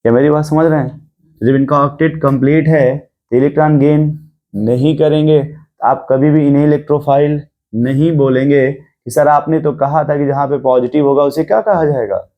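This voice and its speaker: A man's voice: a little high, steady tone, normal speed, narrow, tinny audio. A man teaching a chemistry class, lecturing and constantly asking the students questions. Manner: mixes English terms into Hindi explanation.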